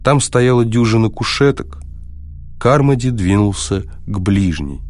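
Deep male voice, steady audiobook narration. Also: measured pace, soft background music.

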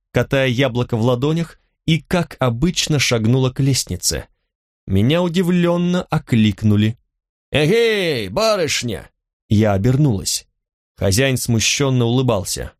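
Guy reading an audiobook, even measured pace, mid pitch, dry close mic. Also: no room sound. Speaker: audiobook narrator. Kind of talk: scripted narration.

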